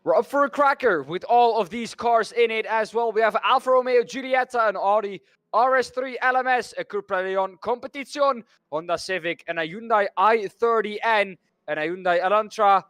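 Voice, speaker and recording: A man's voice: high voice, moderate pace, fairly bright tone, dry recording. A man from the Netherlands commentating a sim racing broadcast, rambling and correcting himself as he stumbles over names. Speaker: race commentator.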